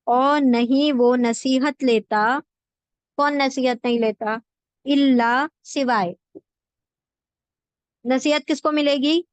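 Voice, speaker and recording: A woman's voice: on the high side, dry recording. A woman teaching word-by-word translation of scripture, explaining patiently and repeating each word and its meaning for her students. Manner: slow, repeats words and meanings for drilling. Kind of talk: patient classroom explanation with repetition.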